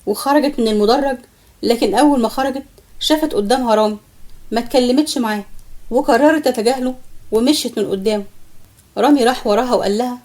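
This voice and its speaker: A woman with an Egyptian accent narrating a serialized romance story in a brisk, even manner. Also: a little high. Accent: Egyptian Arabic.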